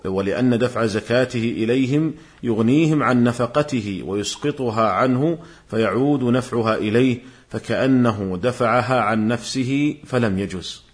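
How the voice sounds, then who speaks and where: A man delivering a scripted religious lecture in formal standard Arabic, in a measured, formal manner as he cites sources. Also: mid-range voice. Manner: formal, measured, citing quotations. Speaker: religious lecturer presenting a programme series.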